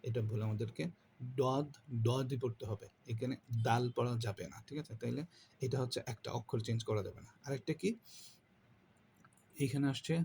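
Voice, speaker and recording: A man's voice: mid-range voice, normal speed, gravelly, pauses often, darkish tone, slight background noise. A man teaching Quran recitation rules, repeating each point and answering his own questions as he drills the class. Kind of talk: tajweed lesson.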